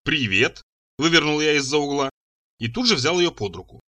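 A man's voice: on the high side, lively intonation, fairly quick, bright, forceful tone. A man narrating an audiobook in the first person, telling the story expressively. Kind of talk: audiobook reading.

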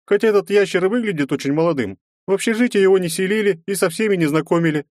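Audiobook: man doing a raised, sharp-tongued young woman student, teasing and lecturing, dry close sound. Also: sits high, fast, no echo, pitched above the performer's own voice, lightly acted. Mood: reasoning. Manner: mocking, lecturing. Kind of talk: audiobook narration.

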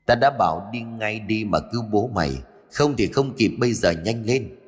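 A man's voice: fairly low pitch, moderate pace, big-room sound, natural voice. A man voicing the tearful, urgent ghost of an old great-grandmother in an audiobook ghost story. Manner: urgent and hissing.

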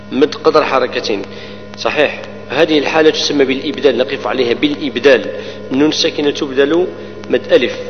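A man teaching the rules of Quran recitation. He explains each rule step by step and recites the verses slowly, drawing out the words. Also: mid-range voice. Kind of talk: tajweed lesson with recited verses. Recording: long reverb, dull lo-fi sound, mains hum.

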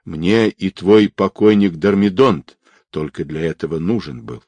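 A man voicing a scheming, tough woman hunting for gold, speaking in an urgent, persuasive hush. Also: low-pitched, lively intonation, measured pace, slightly rough, no echo, full character voice.

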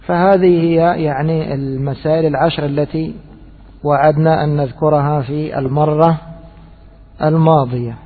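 A man's voice: a little high, fairly even intonation, moderate pace. A man giving a religious jurisprudence lesson, repeating key phrases and asking the class rhetorical questions. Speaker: Islamic jurisprudence teacher. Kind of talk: religious lecture. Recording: tinny phone-like lecture recording with long reverb.

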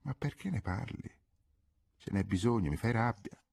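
A man voicing a defiant, sharp-tongued young peasant woman in a literary audiobook reading, pushing his voice higher and speaking with heat. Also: lively intonation, moderate pace, vocal fry, slightly rough, no room sound, clean studio sound, heavily acted. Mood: irritated.

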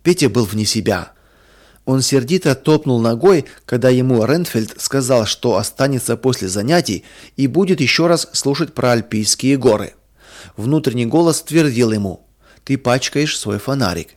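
Man calmly reading a children's story. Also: mid-range voice, moderate pace. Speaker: reader of children's stories. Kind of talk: scripted storybook narration.

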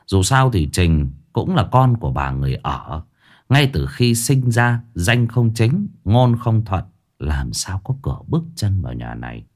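A man's voice: low voice, big pitch swings, measured pace. A man narrating a ghost story expressively, acting out every voice. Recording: faint background music.

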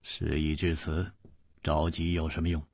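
A man voicing a calm, unflappable male hero in a storytelling reading, speaking low and quietly. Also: measured pace, husky, dry recording, studio quality, full character voice. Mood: resigned.

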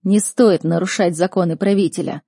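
A woman's voice: lowish voice, fairly even intonation, normal speed, warm tone, husky, no echo, studio quality. A woman voicing a powerful male academy rector who gives curt, firm commands. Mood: firm commanding.

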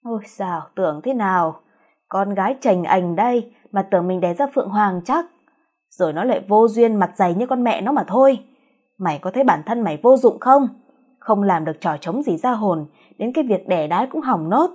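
A woman's voice: mid-range voice, expressive, normal speed, a little mellow, slightly rough. A woman voicing a spiteful older mother-in-law who screeches and scolds in a storybook reading. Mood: furious.

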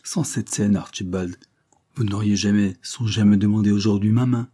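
A man's voice: on the low side, steady tone, moderate pace, mellow, natural voice. A man reading an earnest, anxious young woman. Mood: fervent. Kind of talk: audiobook character reading.

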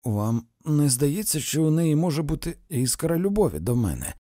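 A man's voice: on the high side, very animated, moderate pace, dark tone, no echo, clean studio sound, pitched above the performer's own voice. A man doing a desperate, pleading young man.

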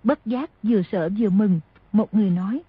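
A woman narrating a martial-arts novel as an audiobook, telling the story at a steady pace. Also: medium pitch, brisk, husky, no echo. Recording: dry, dull lo-fi audio.

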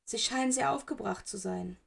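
A woman's voice: medium pitch, moderate pace, gravelly, slightly rough. A woman voicing an older female teacher, stern but trembling with worry. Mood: shaky concern. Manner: trembling, pleading.

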